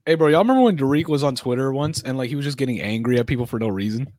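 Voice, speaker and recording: A man's voice: mid-range voice, expressive, rapid-fire, a little mellow, no echo, studio quality. A young American man chatting casually with friends in slangy, argumentative frat-bro talk. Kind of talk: casual group chat on a stream.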